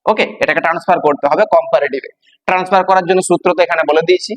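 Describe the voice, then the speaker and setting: Male teacher, high voice, echoey reverb, slow emphatic letter-by-letter spelling. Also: fairly even intonation. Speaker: English grammar teacher. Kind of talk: classroom-style grammar lesson.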